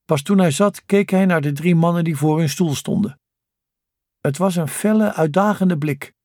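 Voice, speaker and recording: A man narrating a novel as an audiobook in calm, even scripted storytelling. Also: a little high, moderate pace, no echo, studio quality.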